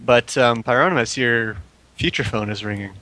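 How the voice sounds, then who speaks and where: A man's voice: mid-range voice, moderate pace, pushed and bright, no room sound, rough recording. A man running a tabletop game as game master, narrating with a laugh and stammering restarts.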